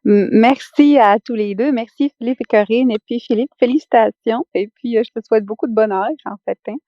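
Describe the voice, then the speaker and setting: A woman's voice: fairly high pitch, fairly quick, no echo. Canadian French woman, dull sound. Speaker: participant with an accent. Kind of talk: casual chat in an online audio room.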